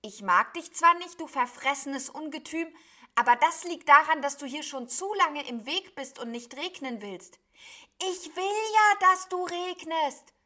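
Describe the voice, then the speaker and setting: A woman putting on a loud scolding storybook sheep. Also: high-pitched, expressive, measured pace, voice pushed up, exaggerated voice. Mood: shouting scold. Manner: scolding, shouting. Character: loud cheeky grumbling female sheep.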